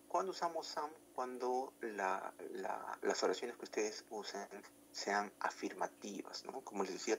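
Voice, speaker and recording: Man, teacher, grammar lesson, explains step by step, gravelly voice, faint background noise. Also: on the low side, poor audio. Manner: explains step by step, often checking with students. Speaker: English teacher.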